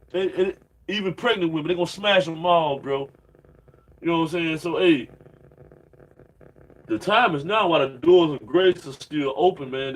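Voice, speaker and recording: In a rough recording, a man in his late thirties with a slightly high voice preaches casually and reads from scripture. He's a religious preacher who rambles in slang, padding nearly each sentence with "man" and "you know what I'm saying."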